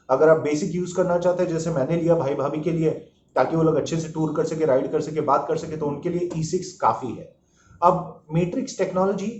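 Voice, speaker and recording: This male motorcycle vlogger reviews gear in a casual, informal way, dropping English phrases into his explanations. His voice is on the high side with a darkish tone. The recording has an echoey room sound, dull and muffled, with faint noise.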